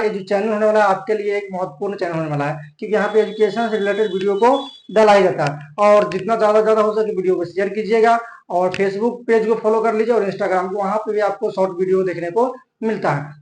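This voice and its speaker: Young guy teaching grammar online, really high voice, keeps repeating stuff, echoey room. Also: slight background noise. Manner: repetitive, step-by-step explaining.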